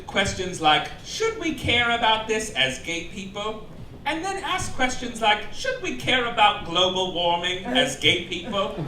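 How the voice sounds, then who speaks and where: A high-pitched comedian hosting the show performs live stand-up as a mock chairman, delivering theatrical, campy, mock-official proclamations in a monologue to a laughing cabaret club audience. The sound is roomy, with a distant mic and loud noise.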